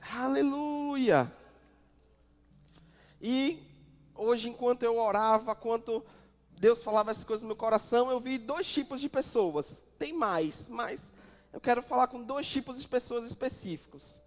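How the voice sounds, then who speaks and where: A male pastor with a Brazilian accent preaches in a high voice, stacking repeated phrases and landing them with sudden force. The sound is dull and muffled. A long reverb trails each line across the church hall. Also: unhurried. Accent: Brazilian Portuguese. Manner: preaching with repetition and sudden loud emphasis. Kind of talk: sermon.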